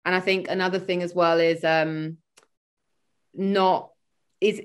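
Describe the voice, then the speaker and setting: As a podcast guest on a video call, this woman, a spiritual coach who was born in Sweden and grew up in London, chats casually, wandering off track and using plenty of fillers. She speaks unhurriedly in a fairly low, clear, resonant voice with little pitch movement.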